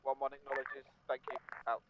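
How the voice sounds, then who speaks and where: A man quickly acknowledging calls over a walkie-talkie radio net. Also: mid-range voice, completely flat delivery. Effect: heard over a walkie-talkie radio net. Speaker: vehicle crew radio operator in a game. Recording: muffled distant radio with faint hiss.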